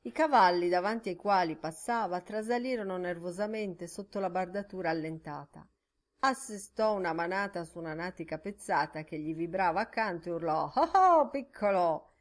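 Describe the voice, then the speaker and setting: A woman narrating a literary novel as an audiobook in a measured, careful reading voice. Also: on the low side.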